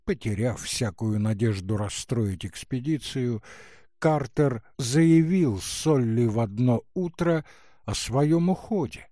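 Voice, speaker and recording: Slow, expressive male audiobook narrator. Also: mid-range voice, no room sound, clean studio sound. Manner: unhurried, expressive storytelling. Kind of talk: scripted narration.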